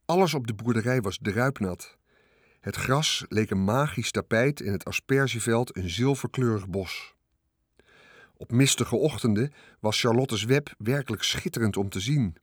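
A man reading a children's storybook aloud in calm, measured narration. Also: medium pitch, dry recording, studio quality. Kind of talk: scripted audiobook narration.

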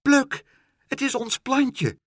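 A man's voice: on the high side, wildly swooping pitch, a little fast, fairly bright tone, no echo, studio quality, pitched above the performer's own voice, heavily acted. Pluk, a man doing a small eager boy. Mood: whispering, excited.

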